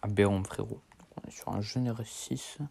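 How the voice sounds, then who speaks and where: A teenage boy talks over his gameplay in a relaxed, rambling way, full of slang and half-finished sentences. His voice sits a little low for his age, and he keeps correcting himself mid-thought. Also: a little fast, gravelly, a little hiss or hum. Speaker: gaming streamer. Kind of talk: casual gameplay commentary.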